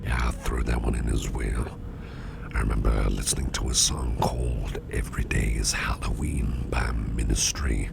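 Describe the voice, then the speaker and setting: In a soft, breathy ASMR roleplay, a man plays an attentive, easygoing businessman boss, murmuring close to the mic in a very low, gravelly near-whisper with a steady yet exaggerated voice. He's relaxed and musing, unhurried, soothing and indulgent as he thinks aloud. The recording is very noisy.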